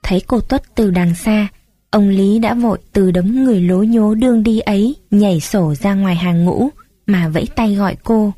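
A woman reads a story aloud in a calm, measured way. Her voice is mellow and warm. The recording is close and dry. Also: medium pitch, no echo. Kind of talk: storybook narration.

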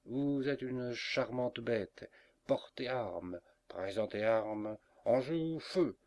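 A man's voice: medium pitch, takes it slowly, a little mellow. A man voicing a bossy, jovial man who orders a bear around in a storybook reading. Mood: commanding. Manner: commanding, theatrical.

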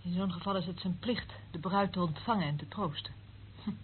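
In a radio drama, an actress plays a cynical secret-service eavesdropper who gloats over what she knows, sardonic and theatrical. Her voice is lowish and brisk, close to how someone talks every day. The old recording is narrow and tinny, with faint noise.

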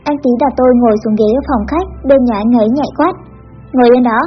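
A woman reads a story aloud in an even, expressive style. Her voice is high, the recording sounds dull and lo-fi, and faint music plays in the background. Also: fast. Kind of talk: scripted narration of a teen story.

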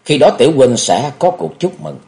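A man voicing a calm, consoling elder sworn brother who speaks softly and hesitantly, in an audiobook reading. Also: on the high side, moderate pace, creaky, pitched above the performer's own voice. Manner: soft, hesitant, soothing.

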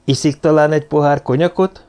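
A man voicing a sharp, coolly ironic male detective in an audiobook reading, with brisk, clipped commands and dry remarks. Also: on the high side, steady tone, clean tone, close to an everyday voice.

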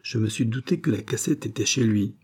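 Audiobook: man reads a hypnotized young countess, pleading, husky. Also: lowish voice, fairly quick, a little mellow. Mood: entranced. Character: the young countess Andrée, entranced, resisting. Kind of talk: audiobook character voice.

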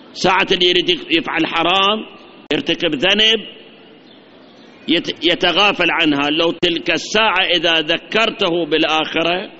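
A man with an Iraqi Arabic accent preaching a sermon in a high, bright, forceful voice. He speaks emphatically, stacking up lists and turning to his listeners directly. The recording is dull and lo-fi.

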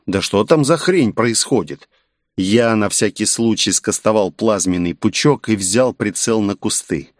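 Low-voiced man narrating an audiobook. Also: dry recording, studio quality. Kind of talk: first-person fantasy audiobook narration.

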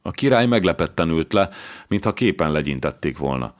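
A man narrating a historical novel as an audiobook in a measured, even way. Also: a bass voice.

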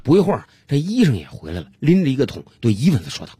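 A man's voice: medium pitch, huge pitch swings, rapid-fire, very noisy. A man hosting a radio comedy show, telling jokes in a chatty, colloquial way. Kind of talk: storytelling jokes.

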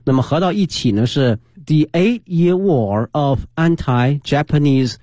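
A man with a slightly husky voice teaches English vocabulary on the radio, explaining each word patiently and spelling it out letter by letter. His pitch moves about a lot, and the sound is dry and close, as in a small studio. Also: expressive, measured pace, mellow, no room sound. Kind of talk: bilingual vocabulary lesson.

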